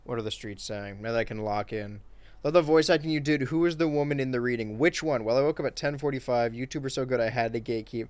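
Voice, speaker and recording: A man's voice: medium pitch, fast, darkish tone. Laid-back young man streaming a game. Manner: laid-back, wry, reads chat aloud while playing. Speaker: streamer and YouTuber. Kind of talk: casual gaming livestream chat.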